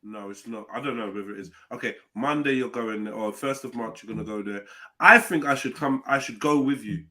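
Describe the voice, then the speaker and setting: A young man chatting excitedly and joking with slang, heard over a group voice chat on the internet. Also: mid-range voice, fairly quick. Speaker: panel member. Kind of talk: casual chat.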